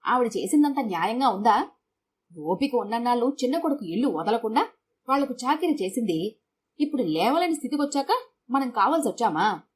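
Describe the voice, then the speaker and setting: A woman voicing a sharp-tongued middle-aged housewife who scolds curtly. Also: a little high, animated, moderate pace, a little hiss or hum, lightly acted. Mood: scolding. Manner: scolding, curt.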